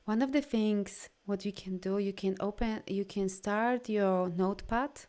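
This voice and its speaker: Hosting a live energy healing session, this non-native English-speaking coach talks informally and encouragingly to her viewers, frequently reading their comments aloud with effusive warmth. Her mid-range voice is slightly mellow and a touch slow.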